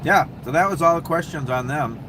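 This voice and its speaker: Speaking briskly in a slightly high voice, this Minnesota-accented livestream host fields viewer questions with plenty of ums and false starts. He's relaxed and meandering. The setting is a noisy truck stop with passing traffic and whirring air conditioning.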